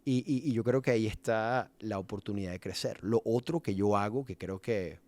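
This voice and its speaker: A man's voice: on the low side, normal speed, a little mellow. A man reflecting on being a father in a casual chat, mixing in English words now and then. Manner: reflective, slips English words into his speech. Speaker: father and musician in a podcast conversation.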